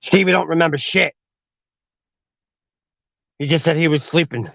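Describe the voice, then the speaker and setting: A man's voice: a little high, moderate pace, gravelly, a bit bright, dry recording. A man telling a horror story on his podcast in a profane, slangy way. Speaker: podcast host.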